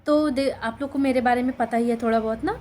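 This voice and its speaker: A woman's voice: a little high, fairly even intonation, brisk, darkish tone, a little hiss or hum. A young woman from Sultanpur, India, a teacher telling her life story to her viewers in a casual, conversational way, often checking in with them as she goes. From Sultanpur district, Uttar Pradesh, India. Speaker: teacher and YouTuber.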